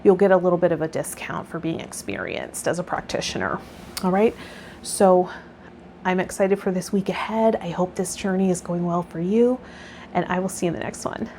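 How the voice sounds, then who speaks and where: This tarot reader and spiritual coach has a lowish, dark voice with lively intonation and a moderate pace, and there's slight background noise. She alternates between reading aloud and relaxed guided talk, mixing a tarot lesson with meditation and vlog chatter for her viewers.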